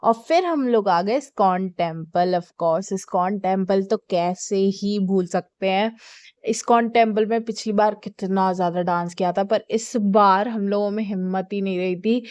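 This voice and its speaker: Young woman, casual vlogger. Chatty, filler-heavy, tired. Smooth voice, dry recording. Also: mid-range voice, measured pace, a little mellow, dry recording. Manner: chatty, with many fillers and English words mixed in. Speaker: travel vlogger. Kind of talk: casual vlog narration.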